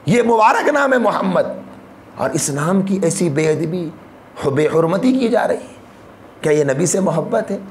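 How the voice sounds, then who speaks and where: Impassioned preacher in an echoey hall. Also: male voice, sing-song, moderate pace, slight background noise. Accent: Hyderabadi Urdu. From India. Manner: impassioned, rising to emphatic peaks and dropping low. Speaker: mufti, Islamic preacher. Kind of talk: sermon.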